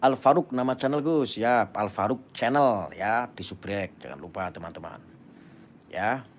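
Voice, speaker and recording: A man speaks in a casual live-stream chat, his voice sitting fairly low. He talks fervently and preaches at his listeners, pressing them to act. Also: unhurried, a little hiss or hum. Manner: fervent, preachy, urging viewers. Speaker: YouTube channel host.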